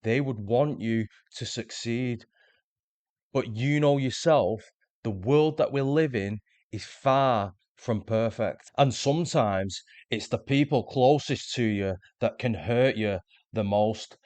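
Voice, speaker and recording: Male host, mid-pitched, dry close sound, earnest explainer. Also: takes it slowly, a little mellow, dry recording. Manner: earnest, explanatory, repeats words when restarting. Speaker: self-improvement video host. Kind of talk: scripted motivational monologue.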